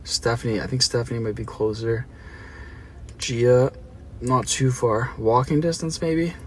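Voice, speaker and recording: A man's voice: mid-range voice, steady tone, unhurried. A Canadian man chatting playfully with viewers during a livestream. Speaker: livestream host. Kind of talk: casual chat with viewers. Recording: distant mic with street noise.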